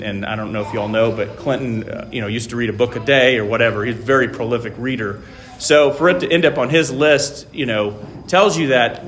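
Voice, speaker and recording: A man who grew up in Taiwan giving an informal classroom lecture, halting, with many fillers and restarts, often checking in with "right?". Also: medium pitch, fairly bright tone, a little hiss or hum.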